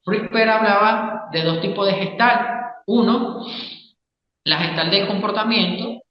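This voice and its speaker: Speaking at a measured pace in a high-pitched voice, a male psychologist and Gestalt therapist lays out ideas in an interview, frequently checking that the listener is following. Long reverb from an echoey room leaves the audio dull.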